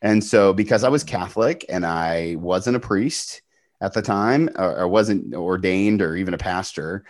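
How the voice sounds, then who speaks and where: Deep-voiced man telling an earnest story. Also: normal speed. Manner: earnest, animated storytelling with emphatic outbursts. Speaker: podcast guest. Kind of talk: storytelling testimony.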